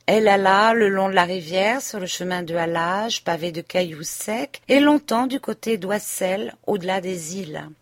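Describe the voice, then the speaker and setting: A woman reading a classic novel aloud as an audiobook narrator, in a measured, even storytelling manner. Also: mid-range voice, dry recording. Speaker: audiobook reader. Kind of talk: scripted literary narration.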